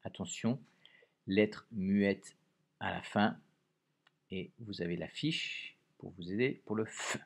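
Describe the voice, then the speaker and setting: Man, teacher, low voice, very slow, clear dictation for children. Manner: slow, clearly articulated, stresses each dictated word. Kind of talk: dictation for young pupils.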